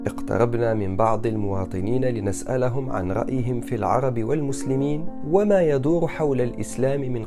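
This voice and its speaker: Brief: male reporter, formal scripted read, very fast pace, music bed underneath. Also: medium pitch. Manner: formal, rapid delivery. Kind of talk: scripted news narration.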